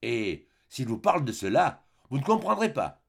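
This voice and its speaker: A man's voice: medium pitch, sing-song, normal speed, vocal fry, slightly rough, heavily acted. A man reading an audiobook and voicing a male doctor who gives firm hypnotic commands. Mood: commanding.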